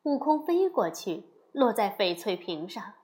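A woman narrating a children's story episode in an expressive storytelling manner. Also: mid-range voice, unhurried.

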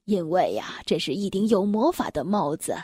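A woman reading a children's story, lowering her voice to play a polite, mild shopkeeper man. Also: lively intonation, normal speed, mellow, husky, no room sound, studio quality. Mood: calm. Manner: low, mild and courteous.

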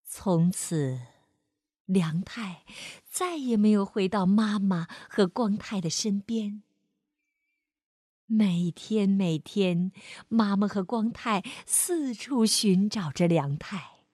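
A woman storyteller narrating a bedtime story for children, speaking gently and expressively and calling the listener "baby". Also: mid-range voice, breathy edge, no room sound, studio quality.

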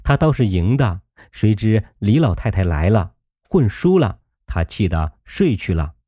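A man's voice: fairly low pitch, sing-song, measured pace, dark tone, husky, no room sound, exaggerated voice. A man voicing a chatty young maid who explains with gossipy relish in a storybook reading.

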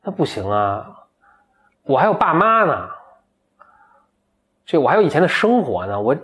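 A man's voice: a little high, very animated, moderate pace, fairly bright tone, pitched above the performer's own voice. A man voicing a poor, humble young fisherman who talks hesitantly and stammers, in a told folktale. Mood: earnest.

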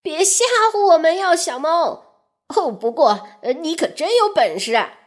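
A woman voicing a proud, boastful flying fish leader in a children's story, speaking loudly and quickly. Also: very high-pitched, big pitch swings, voice pushed up, full character voice. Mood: excited.

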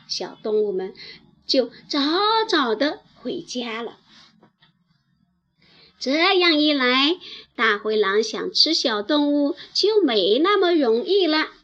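Brief: gentle female children's storyteller, high-pitched, unhurried, lo-fi recording. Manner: slow, gentle, lively storytelling. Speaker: teacher telling children's stories. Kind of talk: bedtime story narration for children.

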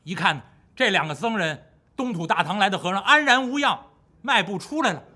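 A male storyteller performing a classic tale in the traditional Chinese style, with a high, bright voice that rises and falls dramatically. His delivery is rhythmic and vivid, pulling the listener along. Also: lively intonation, fairly quick.

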